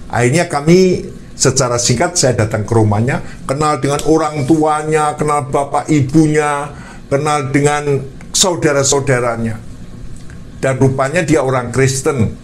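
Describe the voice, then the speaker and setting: A man preacher telling a personal story in a lively sermon, addressing the listeners as brothers. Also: on the high side, a little slow, slight background noise.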